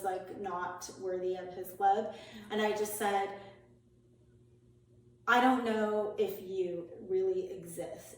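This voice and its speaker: A woman guest in a podcast interview, telling a personal story in a candid, chatty way, dropping softer and lower in the painful parts. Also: a little hiss or hum. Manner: candid and chatty, with frequent "like" and "you know" fillers. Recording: very echoey room, voice far from the mic.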